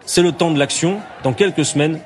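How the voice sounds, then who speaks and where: A man, a politician, delivering a measured, forceful political address. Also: a little high, faint music behind. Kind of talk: political speech.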